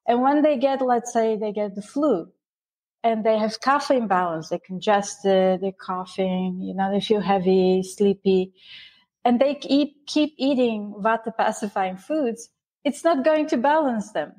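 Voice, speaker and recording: A woman from Bulgaria, a guest author, explaining ideas in an interview with lively, restarting phrasing. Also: medium pitch, a little slow. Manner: explanatory, animated, with frequent restarts. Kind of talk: interview conversation.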